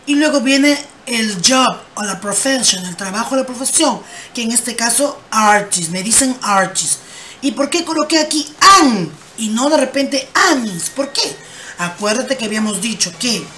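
A woman's voice: a little high, animated, fairly bright tone. A woman, teaching English grammar patiently and answering her own questions. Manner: patient, asks rhetorical questions and answers them; reads English examples slowly and clearly. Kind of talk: slow explanatory grammar lesson. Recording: faint background noise.

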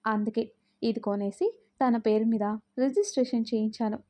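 Storybook husband, young man, playful and teasing, read by a woman, soft mellow delivery. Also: on the high side, fairly even intonation, normal speed, lightly acted.

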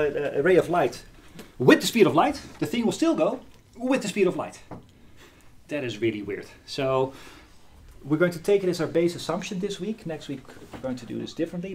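A middle-aged university lecturer giving a live physics lecture in a hall, lively and often checking in with the class. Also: male voice, on the high side, slight background noise. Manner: lively, asks the class questions.

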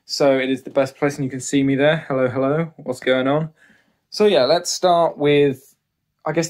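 A young man, giving a casual, rambling tour of his home gym while holding the camera. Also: fairly high pitch. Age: 20s. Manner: chatty and self-deprecating, rambling asides. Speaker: strongman vlogger. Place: small university bedroom, indoors. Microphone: handheld camera, phone at arm's length.

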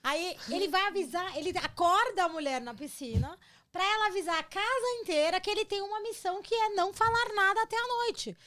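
Woman, Brazilian accent, very high voice, rapid chatty storytelling, animated, acts out what others said. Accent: Brazilian Portuguese. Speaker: podcast guest. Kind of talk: casual storytelling chat.

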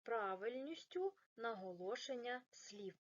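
A woman teaching a recorded primary school lesson for children, slowing down to stress each word carefully. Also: fairly high pitch, lively intonation, highs cut off. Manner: slow, exaggerated stress on words.

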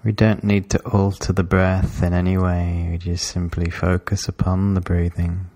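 This guided meditation is led by a low-pitched man, recorded in studio quality without echo. He gives calm, measured instructions and pauses at length between phrases.

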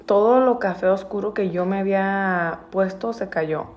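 A woman's voice: mid-range voice, moderate pace, a little mellow, lo-fi sound. A woman, chatting casually on a livestream. She mixes with English, swears freely and sounds indignant. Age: adult with a school-age daughter. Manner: switches between Spanish and English, swears, indignant.

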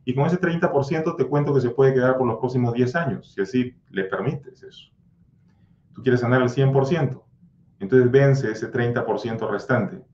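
A man's voice: medium pitch, moderate pace, darkish tone. A man lectures his livestream viewers in a blunt, insistent way, pounding out repeated mantras like a drill. His voice sits in an ordinary middle range. The sound is roomy and slightly muffled. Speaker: anxiety coach and channel host. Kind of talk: livestream answering viewer comments.

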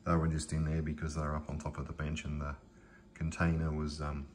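An extremely low, completely flat male voice moves briskly through a casual tour of his kitchen and pantry. Filmed indoors on a handheld phone camera, the rambling talk is full of fillers and restarts, with a little hiss or hum.

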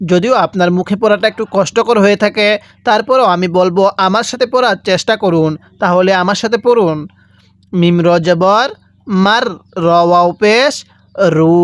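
Bangladeshi guy teaching quran reading, spells out every syllable slow and keeps going repeat after me, dry close sound. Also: high-pitched, no echo. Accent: Bangladeshi Bengali. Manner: slow, repetitive drilling with call-and-repeat prompts. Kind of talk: spelling-out recitation lesson.

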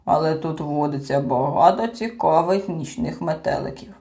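A woman voicing a slow-witted, pedantic male creature who collects insects, muttering in a pompous way, with faint music behind. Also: low-pitched, warm tone, voice pushed down. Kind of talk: audiobook character voice.

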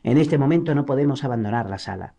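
A composed lawyer speaks calmly and earnestly, read by a male audiobook narrator. The voice is mellow and warm, and the manner is measured and sincere. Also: medium pitch, gravelly.

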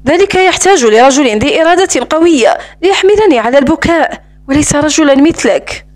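A proud young woman, held captive, who answers her captor in a defiant, curt way, read by a woman in a high voice. Her lines come as part of a storybook reading, close to the reader's own voice. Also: lively intonation, a little fast.

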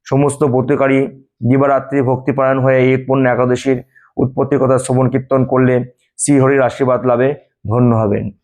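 A man giving a formal, steady scripted narration of a devotional scripture tale. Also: mid-range voice, moderate pace.

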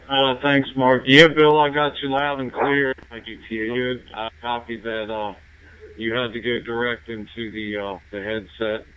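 A man's voice comes through a thin, narrowband radio link, like a helmet intercom. He is an amateur radio operator, easygoing and chatty, who closes each turn with a sign-off. His voice is smooth and clear beneath the filtering. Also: mid-range voice. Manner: relaxed and chatty, ends turns with radio sign-offs. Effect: heard through a two-way radio, like a helmet intercom. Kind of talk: casual radio check-in chat. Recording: tinny narrowband radio transmission.

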